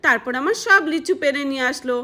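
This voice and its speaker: A woman's voice: animated, fast talker, bright, forceful tone. A woman voicing an angry, scolding village aunt in a doll-play story. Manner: shrill, threatening, complaining.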